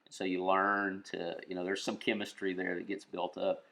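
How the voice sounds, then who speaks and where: A man's voice: sits low, completely flat delivery, moderate pace, creaky, bright, forceful tone. A man musing in a casual podcast chat, wandering and reflective with many fillers. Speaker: skit performer on a podcast.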